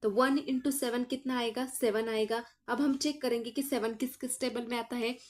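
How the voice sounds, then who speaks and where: A woman teacher with a fairly high voice works through a math lesson one step at a time. She keeps asking her students what comes next and answers right away, in a patient, explaining tone. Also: fairly even intonation, normal speed, a little mellow. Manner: explains aloud, asks the class questions and answers them herself; addresses students as children.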